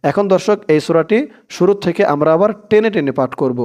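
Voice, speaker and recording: Teaching Quran recitation with a Bangladeshi Bengali accent, this man spells each letter and chants the verses slowly, breaking in with brisk explanations. His voice is a little high, animated and darkish.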